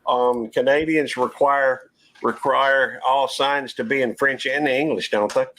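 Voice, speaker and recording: A man's voice: mid-range voice, fairly even intonation, a little slow, a bit bright. A man, hosting a casual live-stream panel chat in a folksy, rambling drawl. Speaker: channel host.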